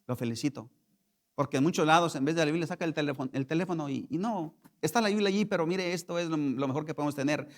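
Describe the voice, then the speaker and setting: A man's voice: on the high side, quick pace. A man preaching a Spanish-language sermon as pastor, questioning the congregation and reading scripture with rising emphasis. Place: church sanctuary.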